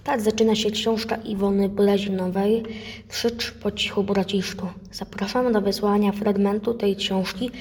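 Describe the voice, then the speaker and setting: A woman reading a story aloud in a steady, careful storybook manner. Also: mid-range voice, normal speed, few pauses, breathy edge. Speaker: narrator reading a book excerpt. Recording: long reverb in a hall-like room.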